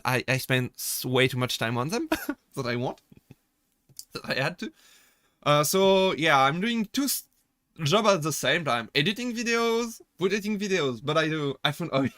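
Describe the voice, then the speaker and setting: A man's voice: fairly high pitch, pushed and bright, dry recording, studio quality. A man streaming as a VTuber, chatting casually, rambling, correcting himself and laughing often as he answers chat.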